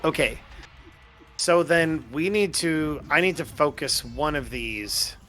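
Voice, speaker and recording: A man playing a tabletop game, thinking aloud and working out his tactics in quick bursts. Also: on the high side, fairly bright tone. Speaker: player.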